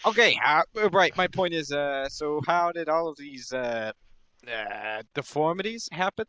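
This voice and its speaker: A man improvises dialogue as a player in a tabletop game. He sounds puzzled and stops often, with a bright voice recorded close and dry. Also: a little high, animated, measured pace, clean tone, dry recording.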